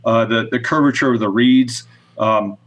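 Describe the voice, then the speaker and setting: Speaking over a video call from a small room with wooden shelves, this middle-aged man is a goose call maker appearing as a podcast interview guest. His voice is medium in pitch, steady and moderately paced, with the highs cut off, and his explanations are casual and plain-spoken.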